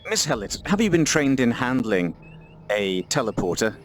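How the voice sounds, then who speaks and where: Man, pompous starship captain, theatrical, very lively pitch, comedic gameplay. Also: moderate pace, faint music behind. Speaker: player voicing a starship captain.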